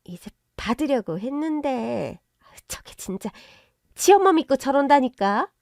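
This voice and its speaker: A woman voicing a pushy, indignant middle-aged mother-in-law who rants loudly. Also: sits high, sing-song, measured pace, gravelly, no room sound, studio quality, voice pushed up, full character voice. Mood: defensive. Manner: loud, indignant, ranting.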